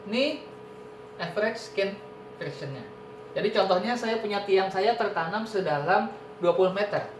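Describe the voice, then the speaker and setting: A man with an Indonesian accent delivers an online university lecture, explaining step by step and frequently saying "nah" and "ini." The audio comes from an echoey room full of noise and rumble.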